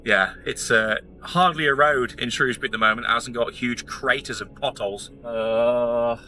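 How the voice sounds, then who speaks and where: Bright-voiced man chatting while driving. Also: mid-range voice, steady tone, normal speed, a little hiss or hum, rough recording. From Shropshire, England. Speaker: vlogger. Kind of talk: casual travel vlog. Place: inside a moving van.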